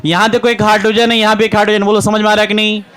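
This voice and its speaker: Man, bihari hindi accent, high voice, chemistry teacher, call-and-response lecturing. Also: very fast, soft background music. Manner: keeps asking questions and answering them himself, calls students "beta"; grows louder and excited, cheering students on.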